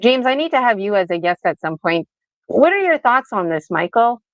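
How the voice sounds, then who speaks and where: A woman's voice: mid-range voice, sing-song, normal speed, no room sound. Woman podcast host, rambling casual chat, slightly muffled lo-fi audio, dry sound. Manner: chatty, rambling, laughing at herself.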